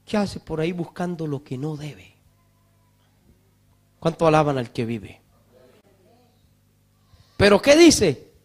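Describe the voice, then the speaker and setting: A male pastor preaching a fervent sermon in church, rising to shouts on scripture and mocking wailing sinners. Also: on the high side, lively intonation, slow, long pauses.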